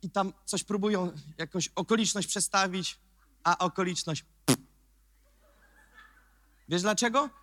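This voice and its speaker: A Polish man preaching a sermon in an emphatic, sarcastic way that builds to shouts. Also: high-pitched, a little slow, pauses often, no echo, studio quality.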